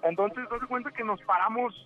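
Man rambling over a tinny phone. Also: high voice. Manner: rambling, halting storyteller with many restarts. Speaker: radio caller. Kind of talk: telling a ghost story on a call-in show. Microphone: telephone. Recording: tinny phone line with faint music.

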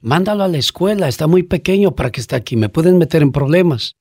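A man's voice: a little high, animated, fast talker, darkish tone, husky, no echo, clean studio sound, voice pushed up. A man voicing a stern, bossy female restaurant manager who scolds a young worker. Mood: scolding.

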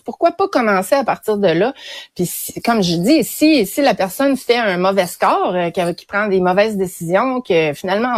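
A woman's voice: mid-range voice, darkish tone, dry recording. A woman with a Quebec French accent giving casual, opinionated commentary on current affairs. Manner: conversational, opinionated. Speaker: radio commentator.

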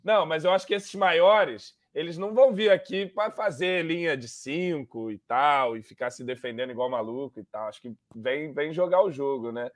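A man with a Brazilian Portuguese accent and a fairly high voice chats about sports. His delivery is slangy and conversational, and the sound is dry and close. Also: normal speed, hardly any pauses, no echo. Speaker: football podcast commentator. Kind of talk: casual sports discussion.

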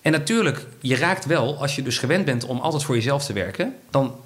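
A man talks fast as an interviewed entrepreneur. His sentences stop and restart, packed with fillers. His pitch sits in the middle range. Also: lively intonation, a bit bright. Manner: fast, halting speech with many fillers and restarts. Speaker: entrepreneur guest. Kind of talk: conversational interview.

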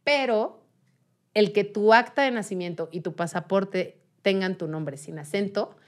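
A Mexican woman speaking as a language expert guest in a casual chat, explaining with lively emphasis and frequent laughter. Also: medium pitch, unhurried.

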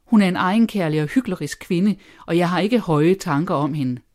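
In this audiobook, a reader with a natural, mid-range voice plays a nervous, excitable middle-aged mother of five daughters who swings between gushing and indignation.

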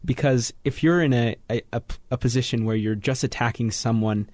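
Teen boy panelist, measured and explanatory, mid-pitched, dry studio sound. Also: darkish tone, no echo. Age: teens. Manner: measured, explanatory, frequent ums. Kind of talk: thoughtful radio panel talk. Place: radio studio.

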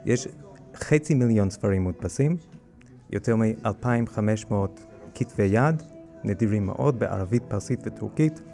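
A man from the United States with a strong American, native-English accent in Hebrew, explaining things in an interview in a halting way with frequent hesitations. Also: fairly low pitch, animated, gravelly, warm tone, faint music behind. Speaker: guest curator of a library collection.

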